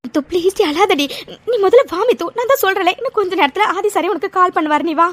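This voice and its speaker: A woman voicing a caring young woman friend in a cartoon, soft and coaxing. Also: extremely high pitch, lively intonation, fast, dry recording. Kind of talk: cartoon voice acting.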